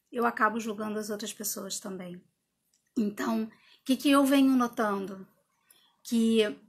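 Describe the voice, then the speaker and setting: A woman with a high voice speaks in a casual live talk as a personal development coach. She reasons out loud with rhetorical questions and tag questions. She slips into acting out her own inner dialogue. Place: indoor room with a window.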